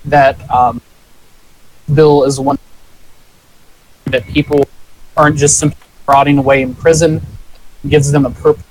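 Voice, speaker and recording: A man's voice: on the high side, flat delivery, a little slow, pauses often, low-quality recording. A man giving a casual, plain-spoken floor speech in a mock senate session over an online call, his voice cutting in and out on a bad connection. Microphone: computer mic on an online call.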